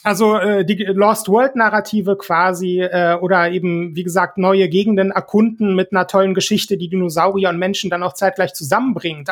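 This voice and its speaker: Persuasive, argumentative podcast guest with a mid-range voice, casual conversation. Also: mid-range voice.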